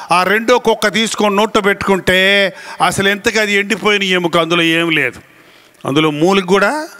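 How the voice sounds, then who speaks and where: A male pastor giving a lively sermon with a Telugu accent, acting out family quarrels as he goes. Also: high voice. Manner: animated storytelling, acts out family quarrels.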